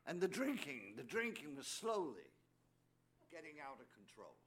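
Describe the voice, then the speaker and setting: Very animated and gravelly yet a bit bright, this slightly high voice belongs to an older priest from England with an English accent. Speaking at normal speed, he shares his story at a recovery meeting, full of anecdotes and jokes tossed to the crowd.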